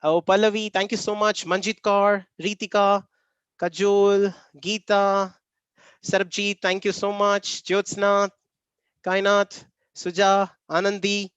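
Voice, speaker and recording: High-pitched Tamil-accented man hosting a webinar. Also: level tone, slow pace, fairly bright tone, clean tone, no room sound, dull audio. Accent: Tamil Indian English. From Namakkal, Tamil Nadu, India. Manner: chatty, repetitive thanks. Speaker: workshop trainer and host. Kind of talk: informal online webinar sign-off, thanking participants by name. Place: online video meeting.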